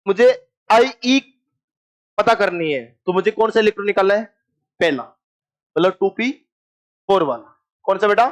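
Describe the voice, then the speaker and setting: A man teaches chemistry to a live class, speaking in a high, bright register. He keeps firing questions at the room and answering them himself, teasing shy students into speaking up. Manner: joking and coaxing with students. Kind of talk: classroom lecture.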